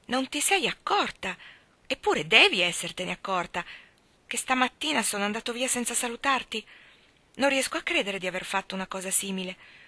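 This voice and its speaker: Read by a woman, a remorseful grown husband in a storybook bursts out in loud, pleading outcries. The voice is bright and ringing, rising high when he gets worked up. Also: lively intonation, normal speed, dry recording. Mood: agitated. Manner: pleading, agitated and exclaiming.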